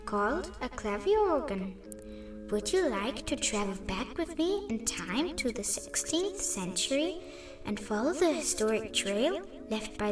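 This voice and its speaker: A woman voicing the friendly male ghost of an old instrument builder, speaking gently and reassuringly in an audio-guide story. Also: a little high. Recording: echoey, distant, over loud music.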